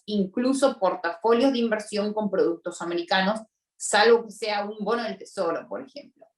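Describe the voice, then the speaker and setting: Emphatic woman lawyer, echoey distant mic. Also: medium pitch. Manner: explanatory, emphatic, repeats key points. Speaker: tax lawyer, panelist. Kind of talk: webinar explanation. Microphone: video call.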